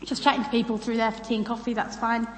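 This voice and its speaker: This fast-talking British woman keeps a level tone and a slightly high voice as she addresses a congregation about baptism. Her church talk is informal, chatty and self-deprecating, with the big room adding long, echoey reverb.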